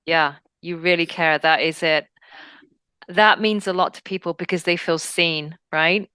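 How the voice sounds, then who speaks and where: Smooth-voiced woman interviewer. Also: fairly low pitch, steady tone, measured pace, no room sound, studio quality. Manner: warm, affirming, lots of encouraging murmurs. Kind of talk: interview conversation.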